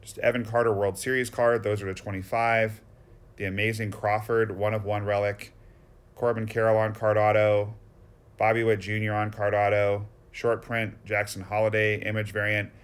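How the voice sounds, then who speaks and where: A man's voice: fairly low pitch, completely flat delivery, moderate pace, clean tone. A man with a Boston accent narrating a vlog tour in voice-over, gushing and exclamatory as he rattles off one item after another. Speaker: vlogger touring a card shop.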